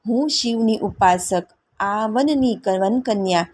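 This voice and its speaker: A woman's voice: medium pitch, takes it slowly, darkish tone. A woman voicing a proud young forest maiden. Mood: cursing. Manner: pleading, then cursing.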